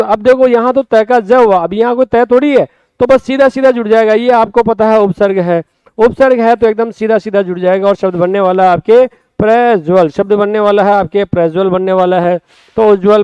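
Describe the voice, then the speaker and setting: A man with a Rajasthani Hindi accent runs an exam-prep lesson in a high, smooth, resonant voice. He talks in a lively way, drawing out words and calling his students friends. The sound is dry and close, with no room echo. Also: lo-fi sound. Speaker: Hindi exam coaching teacher. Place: classroom or studio.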